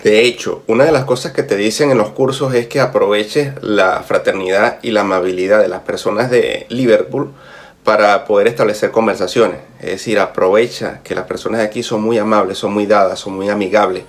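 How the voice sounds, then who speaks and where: A man's voice: fairly low pitch, fairly even intonation, fairly quick. A man from the Caribbean with a Caribbean Spanish accent, explaining things to viewers in a chatty travel vlog, recorded outdoors on a city street. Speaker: travel vlogger. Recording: clear street noise behind voice. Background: traffic and street ambience.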